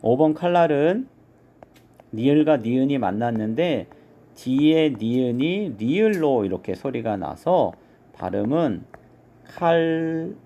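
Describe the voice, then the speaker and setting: Lively-voiced man teaching a lesson. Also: medium pitch, creaky, muffled recording. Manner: explains step by step, models pronunciations slowly. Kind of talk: exam review lesson.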